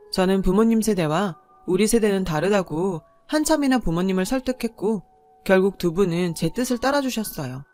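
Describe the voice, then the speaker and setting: A woman's voice: medium pitch, darkish tone. Woman narrating her own story, confiding. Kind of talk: scripted first-person story narration. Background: faint background music.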